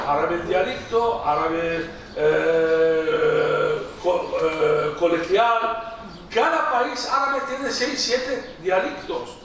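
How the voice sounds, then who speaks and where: A middle-aged Iraqi man whose first language is Aramaic gives a guest lecture in a large, echoey church hall, speaking with an Iraqi Arabic accent in a high, fairly bright voice. He is emphatic, repeats phrases, and often stumbles and restarts words. The audio is noisy and echoey, picked up from a distance.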